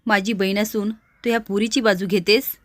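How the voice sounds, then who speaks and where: A spiteful, bickering woman who taunts and whines to her mother, pitched higher and louder in her jabs, as a woman narrator puts her on. Close, dry sound. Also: fairly even intonation, brisk, dry recording, close to an everyday voice. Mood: taunting. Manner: taunting, shrill. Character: quarrelsome, spiteful woman living off the family.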